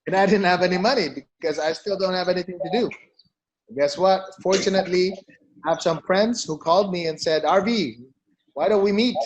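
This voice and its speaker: High-pitched and a little fast, the voice belongs to a middle-aged company CEO from the Philippines recounting his life in an interview. He drives points home by repeating himself and often adds "you know" and "okay?", and the recording sounds muffled.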